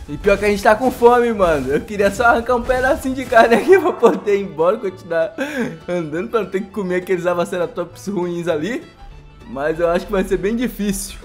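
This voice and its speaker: A Brazilian man giving casual gameplay commentary, excitable and often laughing, talking straight to his viewers. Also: high voice, brisk, soft background music. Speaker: gaming YouTuber.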